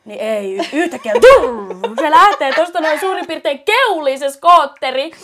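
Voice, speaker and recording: A young woman with a Finnish accent telling a funny story on a podcast, animated and laughing. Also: sits high. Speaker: podcast co-host. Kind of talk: casual storytelling chat.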